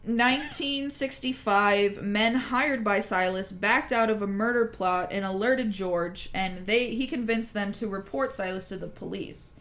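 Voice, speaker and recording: A woman hosting a casual true crime podcast, telling the story in an animated way with swearing and laughter. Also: medium pitch, unhurried, few pauses.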